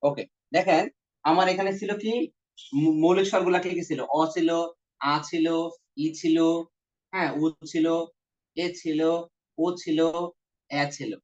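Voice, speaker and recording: A man's voice: fairly high pitch, fairly even intonation, a little slow, pauses often. A man teaching an exam-prep grammar lesson with a Bangladeshi Bengali accent, repeating points and sounding out vowels for his students. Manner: repetitive, coaxing, demonstrates vowel sounds aloud. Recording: dull lo-fi recording.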